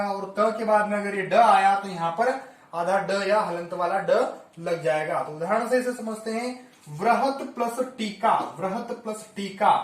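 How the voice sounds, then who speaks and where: A man teaching a Hindi grammar lesson for exam preparation, explaining each rule step by step and repeating it. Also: high voice. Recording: echoey room, mic at a distance.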